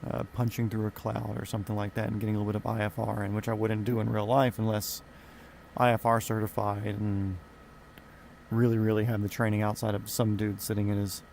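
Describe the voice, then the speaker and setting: A man with a lowish, gravelly voice rambles through a casual live stream, dropping profanity in an offhand way. He sounds like he's at a desk mic in a home gaming room, with a faint noise floor underneath. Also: little pitch movement, fairly quick, a little mellow. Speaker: flight sim streamer.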